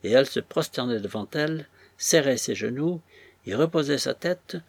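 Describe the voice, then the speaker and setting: A male audiobook narrator reads a classic novel with measured, dramatic pacing. His voice is husky and a little breathy, of middling pitch, and recorded dry and close with no room around it. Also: lively intonation, no echo. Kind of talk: scripted storybook narration.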